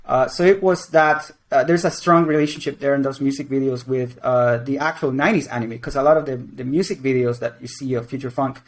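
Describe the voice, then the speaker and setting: His mid-range voice holds a steady tone as he talks briskly with few pauses. A game creative director in his 20s from Venezuela and Mexico, he handles interview questions casually and ramblingly, with many fillers and false starts.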